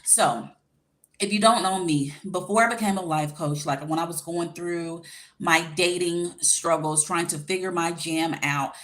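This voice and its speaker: A woman's voice: lowish voice, measured pace, a bit bright. A woman in her forties chatting casually to viewers as a life coach on a livestream, with a slight lisp from wearing a retainer and an informal, direct way of talking. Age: 40s. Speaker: life coach and YouTube host. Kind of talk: casual livestream chat giving dating advice.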